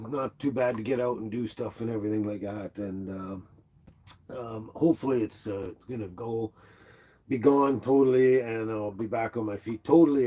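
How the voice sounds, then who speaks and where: A middle-aged livestream host with a lowish, slightly rough voice is stuffy from the flu as he chats casually from indoors at home. He rambles in a relaxed manner, reads comments and calls viewers by name, using a laptop microphone.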